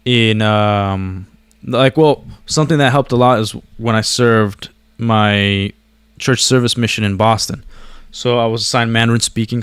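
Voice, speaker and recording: A man with a mid-range, clean voice rambles casually to his viewers on camera, slangy and self-deprecating. English came after his first language; he was born abroad and moved to the US as a child. The recording is dry.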